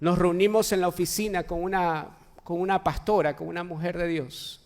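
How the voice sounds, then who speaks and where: A man's voice: high-pitched, fairly even intonation, moderate pace. A man, a pastor, preaching a sermon in a church, emphatic, with repeated phrases and rhetorical questions. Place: church sanctuary. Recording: long church-hall reverb.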